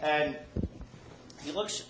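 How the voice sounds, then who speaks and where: A man with a high-pitched voice spins a comic tale for a live crowd, swearing freely and laughing at his own misfortune. His voice rings in an echoey room with steady noise behind him. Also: extremely slow. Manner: profane, self-mocking, often laughing while talking. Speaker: storyteller. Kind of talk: telling a comic story to a live audience.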